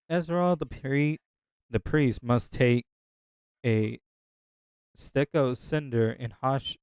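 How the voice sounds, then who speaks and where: A man's voice: medium pitch, darkish tone, clear, resonant tone, no room sound, poor audio. A man reading a Bible passage aloud in a casual way, stumbling over hard words and restarting lines. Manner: unsure of hard names, pauses to check pronunciation. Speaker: scripture reader.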